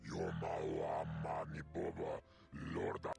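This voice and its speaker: A gruff alien creature growls out guttural alien babble in a rumbling, bottom-of-the-barrel voice. The words crawl out slowly, thick with gravel and fry. Faint game music plays behind. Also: male voice, big pitch swings, a little mellow, full character voice.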